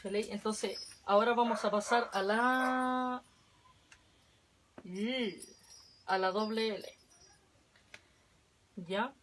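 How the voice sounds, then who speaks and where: A woman's voice: a little high, very slow, pauses often, fairly bright tone, slight background noise, poor audio. A woman, teaching an online language lesson from home and patiently drilling syllables aloud.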